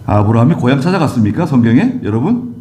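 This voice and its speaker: A man's voice: mid-range voice, sing-song, fast talker, mellow. A male Korean pastor preaching a sermon, moving from chatty personal asides to emphatic exhortation of the congregation. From South Korea. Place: church sanctuary.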